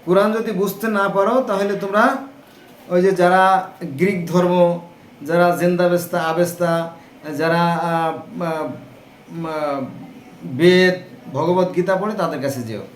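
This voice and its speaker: High-voiced man lecturing in an echoey room. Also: unhurried, long pauses, slight background noise. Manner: explanatory, lists terms, asks rhetorical "right?". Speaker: religious speaker. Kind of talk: informal religious talk to viewers.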